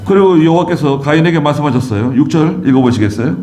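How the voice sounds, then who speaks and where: A man's voice: a little high, expressive, fast talker, warm tone, slight background noise. A man preaching a sermon as pastor, explaining scripture and asking the congregation rhetorical questions. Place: church sanctuary.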